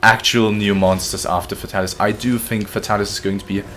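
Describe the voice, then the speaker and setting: A man's voice: lowish voice, level tone, fairly quick, a bit bright, a little hiss or hum. A man casually commenting on his gameplay during a live stream, joking and chatting with his viewers. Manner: joking, chatty, reads chat aloud. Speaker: game streamer.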